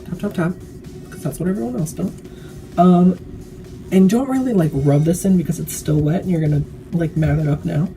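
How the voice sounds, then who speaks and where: A woman's voice: on the low side, moderate pace, gravelly, mellow, soft background music, low-quality recording. A woman giving a casual, chatty makeup tutorial while tipsy, rambling drunkenly and swearing freely.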